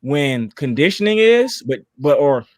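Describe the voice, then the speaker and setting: Male co-host, animated slightly high voice, dry close recording, teasing casual banter. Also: measured pace, no room sound. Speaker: podcast co-host. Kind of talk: casual sports podcast chat.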